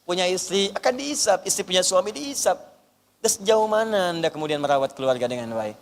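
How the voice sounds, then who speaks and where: A man preaching an Islamic sermon to a live audience, animated and repeating short punchy phrases for emphasis. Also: high voice, big-room sound. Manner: animated, acts out everyday scenes and quoted voices.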